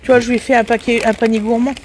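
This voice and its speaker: High-voiced mother cooing to her baby. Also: flat delivery, very fast, slight background noise. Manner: sing-song baby talk to her son. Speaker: vlogger, mother. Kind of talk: casual home vlog chat.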